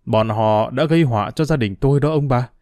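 A young father on the hunt for his stolen child , as a male storyteller voices him, earnest and held in check as he presses for answers. His tone is warm and mellow, recorded dry and close. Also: medium pitch, fairly quick, dry recording, lightly acted. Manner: earnest, restrained, pressing questions.

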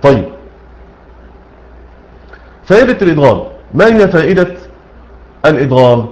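A man with an Egyptian accent teaches recitation rules, asking questions and answering them himself. His voice sits somewhat high, and he slows to recite key phrases. The recording is dull and lo-fi. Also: very animated, darkish tone. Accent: Egyptian Arabic. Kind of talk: explaining a tajweed poem line by line.

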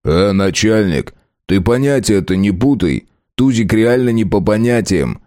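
A sullen former convict speaks bluntly in rough prison slang. A man reads him low and slow, with a dry, close sound. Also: expressive, warm tone, no room sound. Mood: gruff.

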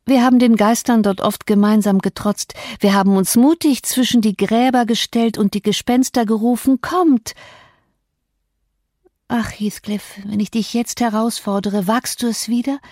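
A woman's voice: on the high side, fairly even intonation, moderate pace, dark tone, no room sound, clean studio sound, lightly acted. A woman voicing a feverish, delirious young woman who speaks in a raised, exalted, pleading way. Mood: delirious yearning.

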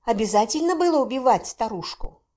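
A woman reading an audiobook, voicing a gruff, weary male police officer who speaks curtly and sternly. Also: extremely high pitch, animated, fairly quick, darkish tone. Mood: reproachful.

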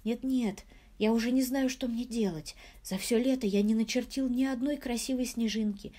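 A woman's voice: fairly high pitch, normal speed, mellow, natural voice. A woman reading a storybook, voicing a tiny, anxious male snow spirit who whimpers and sobs. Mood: despairing. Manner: sobbing, plaintive.

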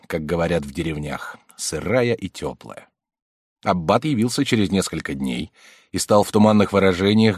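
Expressive male audiobook narrator. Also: low voice, dry recording, studio quality. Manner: measured, expressive storytelling. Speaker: audiobook reader. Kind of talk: scripted literary narration.

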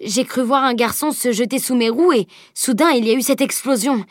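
A woman's voice: on the high side, brisk, no room sound, clean studio sound, pitched above the performer's own voice, close to an everyday voice. Woman voicing a flustered, angry driver. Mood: shaken. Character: flustered, angry middle-aged male driver.

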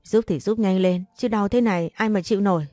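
A woman's voice: mid-range voice, fairly quick, mellow, no echo, clean studio sound, soft background music, natural voice. A woman voicing a selfish, cold young woman who speaks curtly and complains in an audio story. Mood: complaining.

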